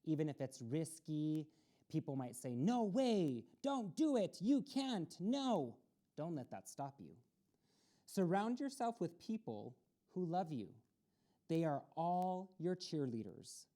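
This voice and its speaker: In a community access TV studio, a woman reads a picture book aloud for a children's storytime. Her voice is low and dark, sing-song and slow, and she addresses the children directly with encouragement.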